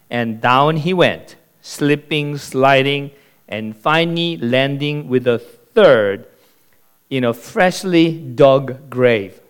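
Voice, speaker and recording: A man preaching a sermon as pastor, telling a joke in a slow, deliberate storyteller's manner. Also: on the high side.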